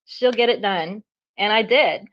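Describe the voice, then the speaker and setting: A woman chatting as a guest artist on a live online audio show, animated and self-deprecating, laughing often and a bit out of breath. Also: medium pitch, unhurried, muffled recording. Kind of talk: casual chat on a live audio space.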